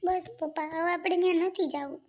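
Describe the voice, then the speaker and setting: Someone voicing a tearful homesick young wife, very high. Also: steady tone, quick pace, slight background noise. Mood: firm refusal. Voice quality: very high, gravelly voice. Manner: plaintive, weepy pleading. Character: tearful young married woman, homesick daughter. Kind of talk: Gujarati cartoon voice acting.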